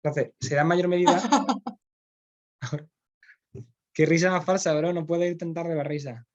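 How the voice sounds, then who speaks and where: A man's voice: a little high, fairly even intonation, fast talker, muffled recording. A man with a Spanish accent, teaching philosophy in a classroom, explaining step by step and often checking in with his students. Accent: Spain. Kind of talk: classroom lecture.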